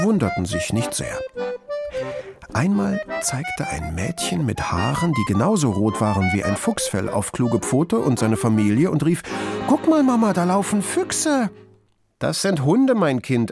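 A man narrating a children's storybook in a lively, expressive way. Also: on the low side, creaky.

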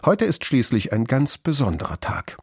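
A man voicing a kind, polite female teacher who speaks formally and patiently, with a husky voice. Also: medium pitch, sing-song, normal speed, no echo, studio quality, voice pushed up, exaggerated voice. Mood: friendly.

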